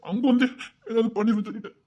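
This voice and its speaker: A woman's voice: on the high side, fairly even intonation, dark tone, dull audio, lightly acted. A woman playing a caring young village man who fusses over his sweetheart. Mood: coaxing. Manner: fast, fussing, coaxing. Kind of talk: village romance drama acting.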